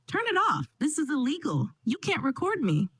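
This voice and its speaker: A woman's voice: medium pitch, expressive, normal speed, no echo, lightly acted. Sneering rich villainess, voiced by a woman narrator, haughty, dry close sound. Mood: panicked.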